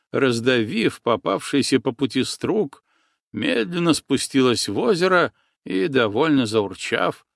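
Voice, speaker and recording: Slow, measured male audiobook narrator. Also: medium pitch, creaky, dry recording, studio quality. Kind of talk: scripted narration.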